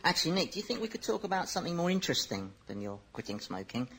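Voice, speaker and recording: A man's voice: a little high, big pitch swings, very fast, a bit bright, low-quality recording. A man co-hosting a comedy radio show in a dry, unimpressed manner. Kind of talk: scripted comedy sketch.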